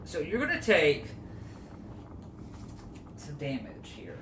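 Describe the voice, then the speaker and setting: A man's voice: a little high, huge pitch swings, slow. A man as game master, casually narrating what happens to the players in a tabletop game. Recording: echoey room with faint noise.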